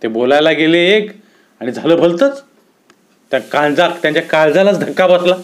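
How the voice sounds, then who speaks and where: Man, narrator, dramatic story reading, expressive, fairly high voice. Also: moderate pace.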